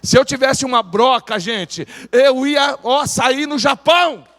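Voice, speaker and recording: A Brazilian pastor preaching a lively sermon in church, urging the congregation to repeat phrases aloud. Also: male voice, very high-pitched, a little slow. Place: church sanctuary. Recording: church hall reverb.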